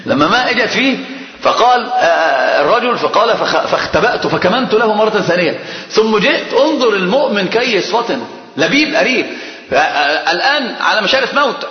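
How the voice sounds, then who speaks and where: A man's voice: high-pitched, very animated, fairly quick. A male scholar teaching a religious class, telling stories with animation and quizzing his students. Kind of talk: religious lesson with storytelling. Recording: echoey hall, dull lo-fi sound.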